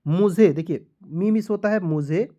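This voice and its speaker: A man's voice: high-pitched, moderate pace, warm tone. Patient man teaching beginners. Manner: asks questions and answers them himself, spells words letter by letter; patient, repetitive explaining. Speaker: English teacher. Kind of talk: spoken lesson for beginners.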